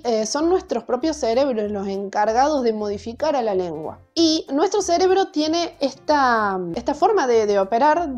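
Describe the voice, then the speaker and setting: Brief: young Argentine woman, fairly high voice, patient teacher, soft music underneath. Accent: Argentine Spanish. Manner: patient, explanatory, asks and answers her own questions. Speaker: teacher explaining Spanish accent rules. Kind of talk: casual spoken lesson.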